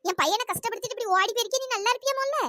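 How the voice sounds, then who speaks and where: A woman doing a scolding, sharp-tongued aunt. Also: very high voice, racing, no echo, clean studio sound. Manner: scolding, insulting, harsh.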